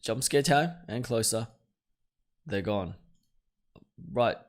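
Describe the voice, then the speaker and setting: This man streams video games, narrating a let's-play in a mid-range, expressive voice at a slow pace. Reading on-screen text out loud, he keeps reacting jumpily, with nervous outbursts between the read passages.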